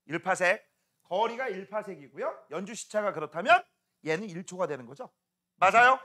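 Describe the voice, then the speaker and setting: Animated, teasing male science teacher. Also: sits high, moderate pace. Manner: joking, teasing students with questions; often asks "right?" to check understanding. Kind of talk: classroom lecture.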